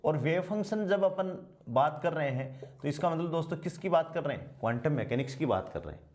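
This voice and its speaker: A man teaches a physics lecture. He keeps asking questions and answering them himself, and drops to a slow dictation pace while he writes. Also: fairly high pitch, very animated, a little mellow. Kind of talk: blackboard lecture.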